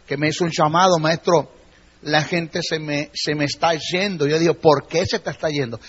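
A man with a fairly high, husky voice teaches a church class as a Bible teacher. He is emphatic and keeps checking in with his listeners, on a muffled, lo-fi recording. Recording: dull lo-fi recording.

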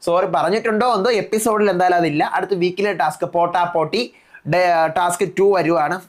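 A man reviewing a reality show episode in a casual recap, retelling each contestant's lines in quick succession. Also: high voice.

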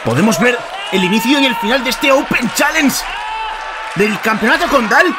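A man with a Spain accent giving excitable, exclamatory live wrestling commentary and calling out moves. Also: very high-pitched, normal speed. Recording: noisy sports hall, loud crowd. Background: loud crowd and hall noise.

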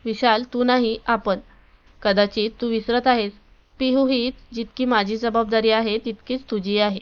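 A woman voicing a calm, newly confident young wife in a read-aloud story, speaking steadily and firmly. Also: a little high, unhurried, clean tone, close to an everyday voice. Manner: calm, firm. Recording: dull lo-fi recording.

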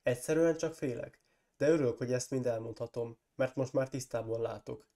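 A hoarse man reading a frightened but firm hobbit. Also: medium pitch, dark tone, lightly acted. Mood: wary. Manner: short, hesitant, firm replies. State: hoarse from a cold.

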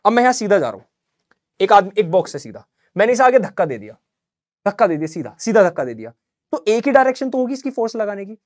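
A man teaching an exam-prep lesson, slowly dictating English answers and explaining in chatty Hindi. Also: high-pitched, sing-song, no echo, clean studio sound.

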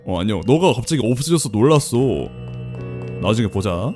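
A man giving chatty, excitable commentary while playing a horror game, exclaiming often. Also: mid-range voice, moderate pace, music in the background. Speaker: game streamer. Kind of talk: let's play commentary.

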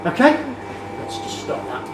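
A middle-aged man giving a guided tour of a bakery as instructor, explaining the equipment with fillers and restarts. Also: moderate pace. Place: large industrial bakery kitchen, indoors. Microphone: camera mic from a distance. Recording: echoey kitchen, distant mic, noisy.

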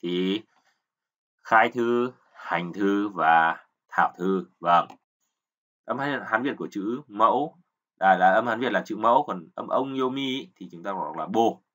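With a lowish, slightly bright voice and a somewhat slow pace, a man walks learners through kanji in an explanatory lesson. He repeats words patiently and often checks in with a "right?"

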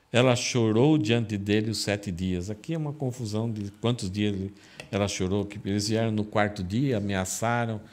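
Deep-voiced pastor preaching dramatically. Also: male voice, darkish tone. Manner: dramatic, acts out quoted lines in raised voice. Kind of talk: expository sermon. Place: church.

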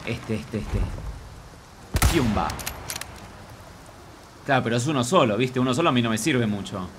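Lively Argentine man doing game commentary. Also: mid-range voice, moderate pace, background noise. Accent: Rioplatense Argentine Spanish. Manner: talks to self and viewers, repeats phrases, refers to self in feminine forms. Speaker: gaming streamer. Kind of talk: let's play commentary.

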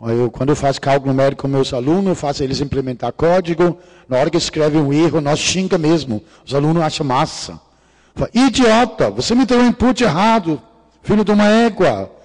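A brisk, lively-intoned middle-aged man from Denmark, his voice a bit high and a bit mellow, gives a conference lecture in Portuguese with a Danish accent. Expect irreverent jokes, casual swearing and non-native grammar slips. Sound bounces around a large lecture hall.

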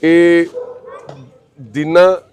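A man's voice: fairly high pitch, little pitch movement. A man speaking as a social worker, comforting a family and addressing his viewers with reassuring, fatherly words. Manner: warm, reassuring, calls others son and sister; recites prayer in a slow chanting voice. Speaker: social worker hosting the channel. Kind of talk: comforting talk and appeal to viewers.

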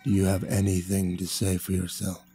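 Deep rumbly bear voice, man putting it on, slow and cold, spooky story, faint music under it. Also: monotone, dark tone, slightly rough. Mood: stern. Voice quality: low rumbling voice. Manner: slow, grave, merciless. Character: huge talking brown bear, stern forest judge. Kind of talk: horror story narration.

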